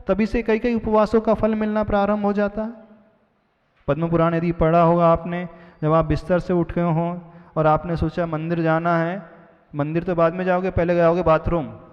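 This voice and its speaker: High-voiced preacher in a reverberant hall. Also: male voice. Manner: emphatic, asks rhetorical questions. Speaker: preacher answering a question. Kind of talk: sermon answering a question. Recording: dull lo-fi sound with long hall reverb.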